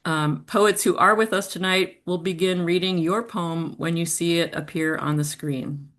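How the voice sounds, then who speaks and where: Bright-voiced woman hosting a video call. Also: lowish voice, fairly even intonation, moderate pace. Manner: polite and orderly, with frequent ums. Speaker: host of a virtual poetry reading. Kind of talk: organized welcome and event instructions. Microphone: computer mic on a video call.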